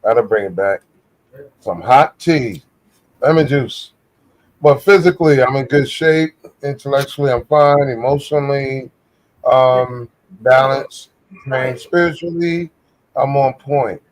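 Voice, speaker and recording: Medium-pitched man in casual group chat. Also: a little slow, rough recording. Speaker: show panelist.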